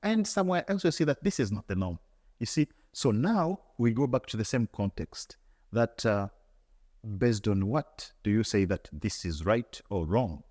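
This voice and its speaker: A man's voice: fairly low pitch, animated, normal speed, a little mellow. Earnest man in a reverberant hall. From Tanzania. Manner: earnest, repeats words and restarts often. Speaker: interview guest, engineer. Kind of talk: reflective conversational answer.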